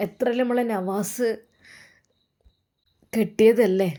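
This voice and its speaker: A woman's voice: on the high side, fairly even intonation, slow pace, mellow. A woman voicing a worried, talkative middle-aged village woman with a Malappuram Malayalam accent, rambling and pleading as she confides in an older relative. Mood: confiding.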